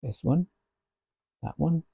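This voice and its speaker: A man thinking aloud while he codes, musing slowly and half to himself. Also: on the high side, creaky, dark tone, husky, no room sound, muffled recording. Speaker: software developer.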